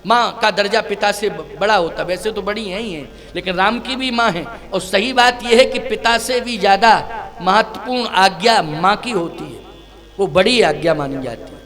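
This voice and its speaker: A man's voice: sits high, moderate pace, a bit bright. A male preacher telling a devotional story in a sermon, chanting verses, acting out dialogue and asking his listeners questions. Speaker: spiritual preacher.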